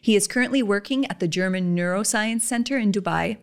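A woman hosting an interview podcast, giving measured introductions and laughing easily with her guest. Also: mid-range voice, clear, resonant tone. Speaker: podcast host.

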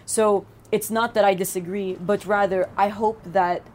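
A woman's voice: mid-range voice, fairly even intonation, normal speed, darkish tone, a little hiss or hum. A woman hosting a podcast, speaking earnestly and reflectively in casual chat, with hesitations and fillers. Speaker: podcast host.

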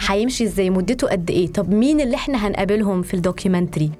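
A woman's voice: mid-range voice, rapid-fire, mellow. A woman in her thirties with an Egyptian accent in a conversational studio interview, mixing English words and phrases into her Arabic. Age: 30s. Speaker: podcast guest, journalist and producer.

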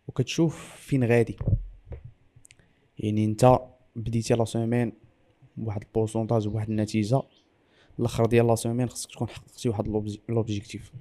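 Fast mellow Moroccan Arabic man explaining. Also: mid-range voice. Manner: mixes in French and English loanwords. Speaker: trader interviewed as guest. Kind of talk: explanatory interview talk.

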